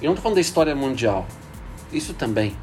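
A man's voice: mid-range voice, very animated, fast talker, darkish tone, soft background music. A man, a priest speaking in a thoughtful, hesitant way with many fillers. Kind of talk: casual reflective talk.

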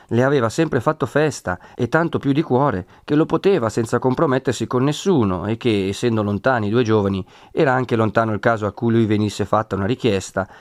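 A man narrating a classic novel in a steady, measured reading. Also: fairly low pitch, no echo, clean studio sound.

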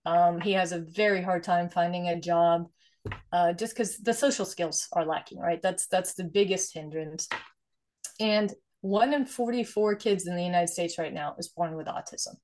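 A woman's voice: fairly low pitch, normal speed, darkish tone. A woman in her forties from Sweden, a guest explaining her work in an earnest, conversational way and often checking in with "right?". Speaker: guest, investor and nonprofit founder. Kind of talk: conversational interview.

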